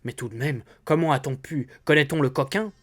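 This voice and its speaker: A man's voice: a little high, fairly quick, a bit bright. A man voicing a flustered, gullible middle-aged husband in a read-aloud story. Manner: flustered, anxious.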